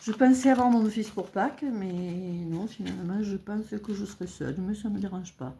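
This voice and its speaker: A middle-aged woman chatting casually as she fills budget envelopes, counting money aloud and thinking out loud with little hesitations. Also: medium pitch, moderate pace, gravelly, slight background noise. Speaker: budgeting vlogger. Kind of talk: casual talk while filling cash envelopes.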